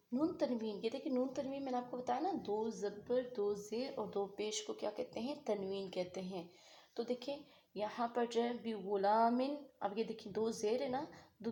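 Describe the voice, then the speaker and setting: A woman's voice: medium pitch, warm tone. Echoey, patient woman teaching Quran recitation. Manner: patient, repeats questions and answers them herself. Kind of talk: online tajweed lesson.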